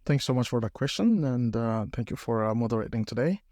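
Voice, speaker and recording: At a live podcast panel event, a middle-aged Ethiopian man tells a story as a guest, full of hesitations and fillers. His mid-range voice is fairly quick, a little mellow, with lively intonation, captured as clean studio sound with no echo.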